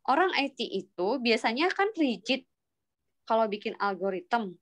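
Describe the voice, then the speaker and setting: Woman lecturer on a video call, talks math slow n patient, keeps asking if everyone got it, a bit high voice. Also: very animated, fairly bright tone. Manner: patient, prompting students with questions. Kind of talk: online calculus lesson.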